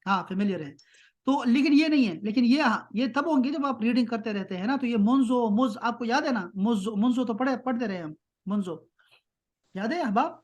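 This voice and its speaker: A man teaching an online grammar class. He keeps checking that students follow and slows right down to spell out terms. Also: extremely high pitch. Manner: patient, keeps checking with "ٹھیک ہے؟".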